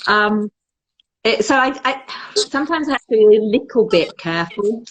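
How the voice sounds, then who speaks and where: A woman's voice: on the high side, lively intonation, normal speed, rough recording. A woman, a perfumer chatting as an interview guest in a self-mocking, jokey way. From Britain. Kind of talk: casual interview chat.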